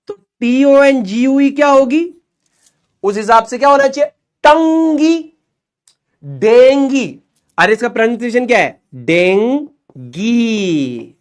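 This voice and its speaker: A young man teaching a lesson in a lively, joking way, repeating questions and answers to drill them in. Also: very high-pitched. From Rajasthan, India. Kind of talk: explanatory lesson.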